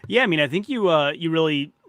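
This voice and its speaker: A man's voice: fairly high pitch, expressive, quick pace, a bit bright, no echo, studio quality. A man hosting a casual interview over a video call, friendly and rambling. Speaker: podcast host.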